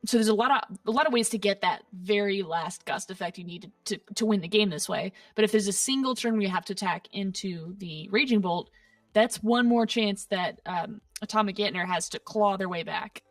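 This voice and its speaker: A woman's voice: mid-range voice, brisk, no echo, distant mic. A woman with a Southern US accent commentating on a competitive card game, analytical with playful asides. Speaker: caster.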